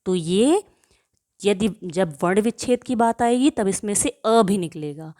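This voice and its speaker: A woman's voice: mid-range voice, a little mellow. A woman teacher giving a grammar lesson to children, asking questions and answering them herself, and stretching out example words so pupils can hear how they are pronounced. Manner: slow and deliberate, repeats questions and answers to drill pupils.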